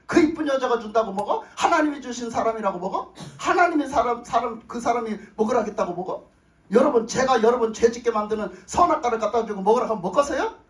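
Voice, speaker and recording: Emphatic preacher in an echoey church. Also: mid-range voice. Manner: emphatic, repeats phrases, asks the congregation questions. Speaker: pastor. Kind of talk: sermon. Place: church sanctuary with congregation. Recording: roomy echo, voice far from mic.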